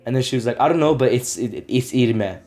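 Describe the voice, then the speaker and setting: Speaking a little fast in a medium-pitched, darkish voice, a young language-learning vlogger addresses the camera casually and earnestly. He repeats himself and relies on plenty of "like" and "right?" while explaining.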